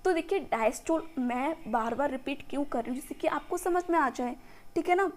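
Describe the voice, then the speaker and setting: High-voiced woman teaching biology. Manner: repeats "ठीक है ना" often, asks and answers her own questions; reads English textbook lines slowly, then explains. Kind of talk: classroom lecture explaining in Hindi.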